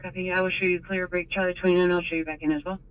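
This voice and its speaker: Guy dispatcher on police radio, high flat voice, terse clipped replies, muffled scanner sound. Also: very fast, smooth. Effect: police radio transmission.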